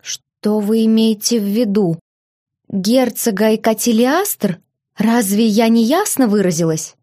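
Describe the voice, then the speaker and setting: A woman's voice: fairly high pitch, lively intonation, slow, dark tone. A woman reading the lines of a hurt, stubborn young duchess, flustered and indignant, in an audiobook.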